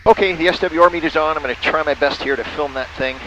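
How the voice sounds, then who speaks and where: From a small airplane cockpit, a male pilot casually narrates his flight and makes amateur radio calls, spelling callsigns in the phonetic alphabet. His voice is fairly high and fast, the recording is muffled, and faint engine noise hums underneath.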